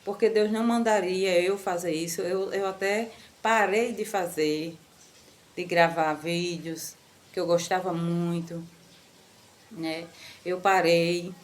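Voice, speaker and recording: A woman from Brazil preaching a sermon with a strong, loud voice, telling stories and jumping high in pitch when she quotes people. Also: slow pace. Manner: animated, storytelling, jumps to high pitch when quoting.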